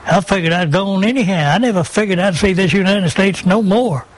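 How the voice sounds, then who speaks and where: A man's voice: sits high, brisk, heavy background noise. An elderly American man, an old veteran remembering the war in plain, folksy, repetitive phrases. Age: 80s. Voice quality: creaky aged voice.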